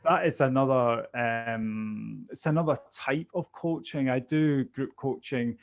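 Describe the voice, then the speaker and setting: A man's voice: medium pitch, unhurried, gravelly. A man with a Glaswegian Scottish accent giving conversational interview answers as a business coach, often repeating words as he thinks aloud.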